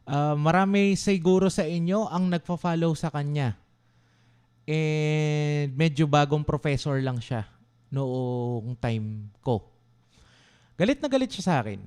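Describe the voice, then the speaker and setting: A young man from the Philippines, a law school vlogger, telling a story to his livestream viewers in an animated, dramatic way and asking them to reply. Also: fairly high pitch, slow, smooth. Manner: asks viewers to respond.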